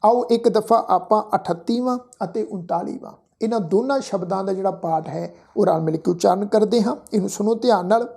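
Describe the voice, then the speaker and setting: A woman from Punjab, India, teaching how to pronounce scripture. She recites line by line in a slow, measured way and spells out each sound with care. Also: medium pitch, vocal fry, mellow, husky. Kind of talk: religious pronunciation lesson.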